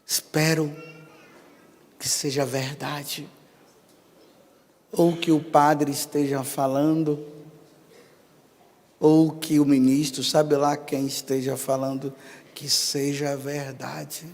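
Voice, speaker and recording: A fairly high-voiced priest preaches slowly and deliberately, with long reverb trailing each phrase through a large hall. He tells funny stories with dramatic pauses and then turns solemn to close his sermon. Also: little pitch movement, darkish tone. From Brazil. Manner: humorous anecdotes, dramatic pauses, rising exclamations. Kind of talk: sermon with storytelling.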